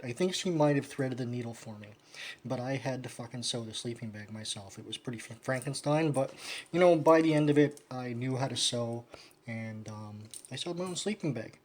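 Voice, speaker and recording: A man's voice: mid-range voice, moderate pace. A man casually chatting in a vlog as he sews patches, rambling and swearing offhandedly. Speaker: vlogger. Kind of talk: casual how-to chat while sewing.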